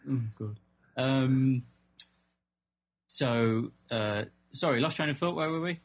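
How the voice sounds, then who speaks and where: A man with a husky, mid-pitched voice co-hosts a casual gaming podcast. He teases his partner in quick banter and now and then loses his train of thought. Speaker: podcast co-host.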